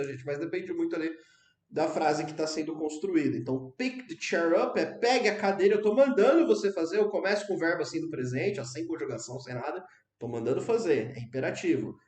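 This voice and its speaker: A man giving a casual English lesson to Portuguese speakers, chatty and checking in with his listeners, slowing down to repeat example phrases. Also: on the high side, darkish tone. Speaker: English teacher. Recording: roomy, echoey room sound.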